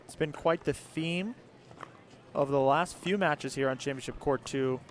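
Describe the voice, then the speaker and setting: A man's voice: a little high, a little slow, a little hiss or hum. A man giving live play-by-play commentary as a pickleball commentator.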